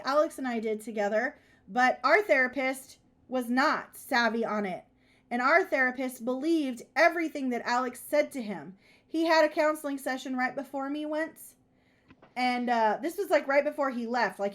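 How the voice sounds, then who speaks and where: A woman's voice: high voice, fairly bright tone. A woman co-hosting a casual chat show, giving emphatic advice and repeating her key points. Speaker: podcast co-host.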